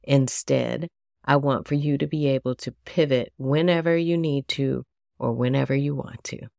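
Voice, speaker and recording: A woman hosting a solo podcast, gentle and chatty, slightly nasal and laughing at herself. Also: extremely low pitch, fairly even intonation, moderate pace, gravelly, no echo, clean studio sound. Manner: gentle, chatty, self-deprecating. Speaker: podcast host.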